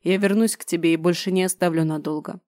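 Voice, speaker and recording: A young space general, guilt-ridden and devoted, coaxes his wife in a soft, pleading tone, as a woman reads him in an audiobook. His voice sits low and mellow. The recording is close and dry, with no room around it. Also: steady tone, quick pace, dry recording, close to an everyday voice. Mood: tender. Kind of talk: audiobook narration.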